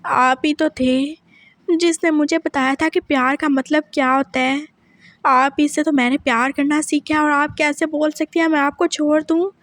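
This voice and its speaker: A woman's voice: sits high, level tone, moderate pace, a bit bright, dry recording. Woman voicing a tearful young man pleading. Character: gentle young male spouse, torn and tearful.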